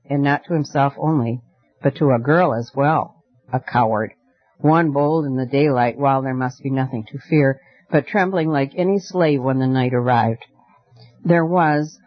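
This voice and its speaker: A man reading a storybook aloud in a measured, expressive way. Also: fairly high pitch. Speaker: audiobook narrator. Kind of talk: scripted storybook narration. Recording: dry, dull lo-fi recording.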